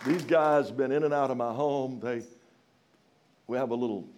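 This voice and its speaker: A man with a Southern US accent preaches in a folksy, emphatic style. His medium-pitched voice moves between raised exclamations and hushed, deliberate phrases as he puts questions to the congregation. There is some noise in the live recording. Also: a crowd in the background. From Louisiana, rural. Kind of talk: sermon.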